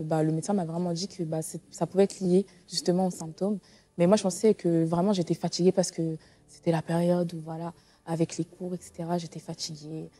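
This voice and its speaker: Hesitant young woman, dark voice. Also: on the low side. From Portugal. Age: 20s. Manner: hesitant, many fillers and restarts. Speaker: guest sharing testimony. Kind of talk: casual testimony interview.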